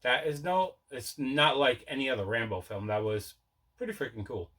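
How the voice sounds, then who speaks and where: At an average pitch and moderate pace, a man with a very bright, forward voice hosts a casual unboxing vlog for his collecting channel. He rambles conversationally and doubles back to fix what he's said.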